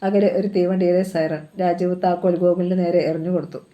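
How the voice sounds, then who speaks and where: A reader narrating a novel aloud in a steady storytelling manner. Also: medium pitch, quick pace, lo-fi sound.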